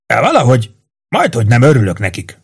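A man's voice: mid-range voice, huge pitch swings, breathy edge, exaggerated voice. A man voicing an awkward, sheepish young male soldier who grins as he talks. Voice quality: sheepish, grinning.

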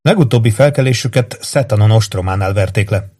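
A man narrating a fantasy audiobook in an even, unhurried storytelling manner. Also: on the low side. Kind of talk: scripted narration.

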